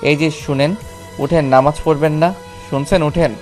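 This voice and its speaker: A man playing a calm, devout young husband with a measured, polite manner in an acted audio love story. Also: a little high, faint music behind, natural voice. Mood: polite, gentle. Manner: measured, polite, formal address.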